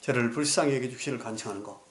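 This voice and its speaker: A man's voice: medium pitch, racing. Earnest male pastor preaching in an echoey hall. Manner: earnest preaching that drops to soft pleading, then rises in anecdotes. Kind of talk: sermon. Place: church sanctuary.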